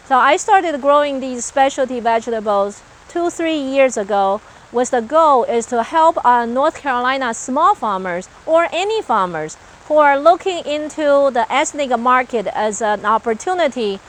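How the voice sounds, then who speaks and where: With slight background noise, a Taiwanese woman with a Taiwanese accent and a slightly high voice gives an explanatory interview outdoors on a farm. She works in agricultural research and earnestly runs through her farm work like a list, hesitating at times.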